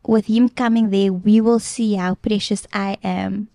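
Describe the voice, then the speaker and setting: A woman's voice: medium pitch, steady tone, a little slow, gravelly, warm tone, no echo. A young woman guest earnestly retelling a personal story in casual chat, with plenty of filler ums. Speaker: podcast guest.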